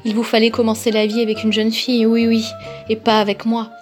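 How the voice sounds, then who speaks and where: A woman's voice: a little high, completely flat delivery, fairly quick, a little mellow, faint music behind, natural voice. A woman reading the lines of a stern, sensible woman who turns down a romantic suitor, firm and a little motherly.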